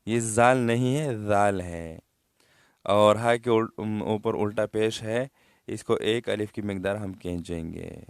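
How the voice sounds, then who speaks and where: A man teaching Quran recitation rules, explaining patiently and then drawing out the words slowly to show how they should sound. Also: fairly low pitch, smooth, no echo, studio quality.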